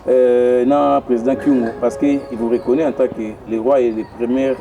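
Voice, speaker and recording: A man's voice: mid-range voice, flat delivery, moderate pace. A man interviewing a guest, asking long questions with frequent hesitations. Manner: hesitant, many "euh" fillers.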